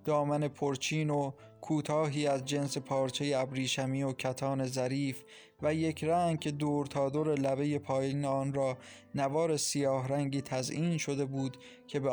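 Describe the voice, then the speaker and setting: A man narrating a novel in a calm, even storytelling voice. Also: medium pitch. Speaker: audiobook narrator. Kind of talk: scripted narration.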